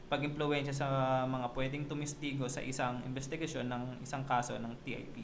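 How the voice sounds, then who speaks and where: A man appearing as a police officer guest on a radio show, formally explaining laws and their penalties and reading legal terms in a measured way. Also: medium pitch, little pitch movement, a little hiss or hum. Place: radio studio.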